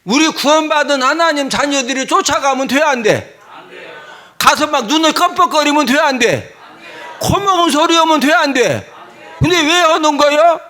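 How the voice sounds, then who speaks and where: A male pastor preaching a sermon in an animated, comic way, often calling out to the congregation. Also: extremely high pitch, moderate pace.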